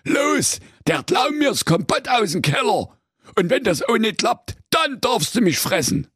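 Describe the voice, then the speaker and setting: A man's voice: high-pitched, sing-song, measured pace, fairly bright tone, breathy edge, no room sound, clean studio sound, voice pushed up, exaggerated voice. A man voicing a cunning male fox in a comic storybook tale, talking in a wheedling, persuasive way. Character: sly cunning male fox, smooth talker.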